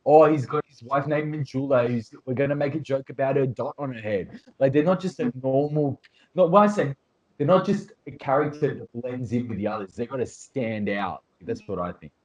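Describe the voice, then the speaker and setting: A man's voice: medium pitch, normal speed, darkish tone, lo-fi sound. A man co-hosting a casual podcast chat, opinionated and talking in long runs with fillers. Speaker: podcast co-host.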